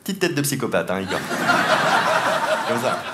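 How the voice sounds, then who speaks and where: A man's voice: medium pitch, sing-song, a little slow. A man performing a comedic mentalism act on stage, teasing volunteers and laughing often as he talks. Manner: playful, teasing, laughs often while talking. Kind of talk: live stand-up mentalism show. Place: large theatre stage with live audience. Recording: live show with audience noise. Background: audience laughter and applause.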